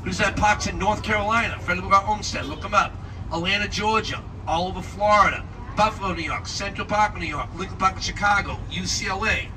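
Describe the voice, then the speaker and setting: A man's voice: high voice, brisk. A man working as a tour guide, giving joking live commentary like a showman and quizzing his listeners. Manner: showman-like, quizzing the listeners with short check questions. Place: moving tour vehicle in city streets. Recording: distant mic, loud traffic and vehicle noise. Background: loud engine and street traffic noise.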